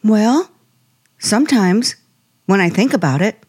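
An actress in 1950s radio suspense style plays a timid, polite young aspiring writer who speaks haltingly and nervously. Her medium-pitched voice is husky and darkish in tone yet animated, carrying an uneasy, thoughtful mood.

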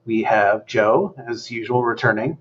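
A man's voice: medium pitch, unhurried, a bit bright, breathy edge, highs cut off. A man hosting a casual podcast, asking questions in an easygoing way with fillers. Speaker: podcast host. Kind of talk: casual interview chat.

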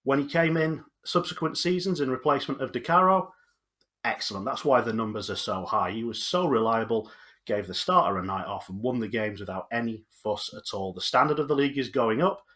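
A man's voice: medium pitch, animated, fairly quick, fairly bright tone. A man co-hosting a sports podcast who argues his picks with statistics and firm emphasis. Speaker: podcast co-host. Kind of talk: casual sports chat.

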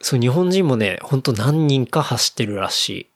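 A man's voice: mid-range voice, sing-song, moderate pace. A young man casually explaining a news story to a friend, with many fillers. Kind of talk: casual chat.

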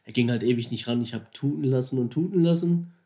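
A man casually and excitedly retelling how he caught a huge fish, slangy and animated, acting out his own thoughts and phone calls. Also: medium pitch, quick pace. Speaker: angler telling a fishing story. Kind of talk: casual storytelling.

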